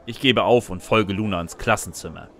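This wry, sarcastic narrator is a man playing a student who tells the story of his own chaotic life in scripted, comic first person and is also its lead character. His pitch is fairly low and his pace a little fast, his voice close to an everyday one, with soft music behind him.

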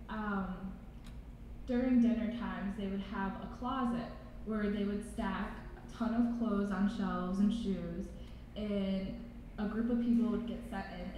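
In a large, reverberant college hall, a young female student panelist presents into a handheld mic, speaking casually and using "like". Her mid-range voice is warm, while the recording sounds dull and echoey with faint noise.

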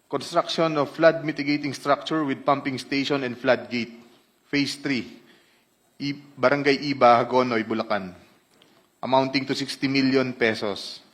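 A man of medium pitch with a Filipino accent reads formal testimony. He is a witness at a hearing, and his speech mixes Tagalog and English. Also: steady tone, normal speed, fairly bright tone.

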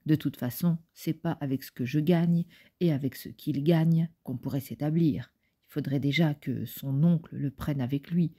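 A woman's voice: deep voice, moderate pace, mellow, slightly rough. A woman reading as a curt young housemaid. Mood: offhand. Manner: curt, colloquial. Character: blunt young housemaid, twenty, coarse.

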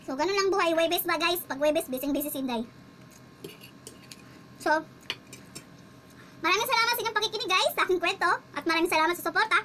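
Chatty high-voiced woman vlogger. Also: fairly quick, pauses often, sharp tone, a little hiss or hum. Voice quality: chatty, laughs while telling. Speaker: household driver and vlogger. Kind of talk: casual storytelling vlog.

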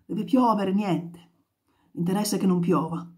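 A woman voicing an angry working-class woman who shouts bitterly at the storm and the world, her voice pitched well above her own. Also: a little slow, close to an everyday voice. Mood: furious railing. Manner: shouting, railing, sarcastic.

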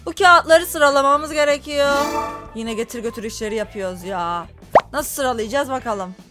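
A woman's voice: on the high side, normal speed, loud music behind the voice. A young woman casually commenting while she plays a story game, talking with dramatic, teasing flair. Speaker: gaming YouTuber. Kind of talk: let's play commentary.

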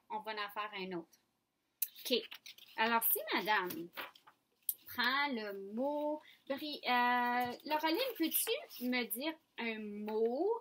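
A woman with a Franco-Ontarian French accent teaches young children, speaking slowly and clearly in a high voice. Her coaxing tone invites the kids to answer. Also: fairly bright tone, slight background noise. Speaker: kindergarten teacher. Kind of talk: online phonics lesson for young children.

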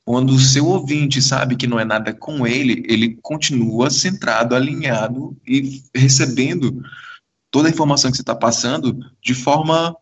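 Husky man rambling thoughtfully. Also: mid-range voice, moderate pace. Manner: rambling, many restarts, searching for words. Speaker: podcast co-host. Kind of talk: casual reflective chat. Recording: dull lo-fi sound.

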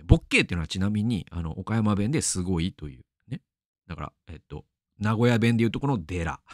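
A man's voice: low voice, no room sound, clean studio sound. A middle-aged man hosting a radio show, talking casually and rambling, laughing often. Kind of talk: casual solo talk.

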